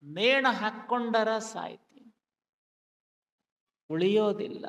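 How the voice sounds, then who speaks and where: A man's voice: extremely high pitch, takes it slowly, bright, forceful tone, exaggerated voice. A man voicing a despairing young widow in a folk drama recitation, lamenting in a North Karnataka accent. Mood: grieving. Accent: North Karnataka Kannada. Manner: lamenting, pleading sing-song delivery. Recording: long hall reverb.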